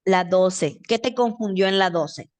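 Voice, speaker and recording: A woman's voice: medium pitch, measured pace, no echo. A woman teacher with a Mexican accent giving a grammar lesson over a video call, explaining patiently step by step and checking in with her student.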